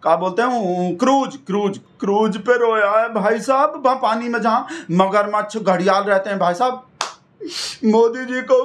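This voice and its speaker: A man's voice: sits high, moderate pace, a bit bright. A man, rambling through a satirical comic monologue. He talks in a mock-devoted, repetitive way, circling back on his own phrases. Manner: mock-devoted rambling, repeats "bhai sahab" constantly. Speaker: satirical comedian in character.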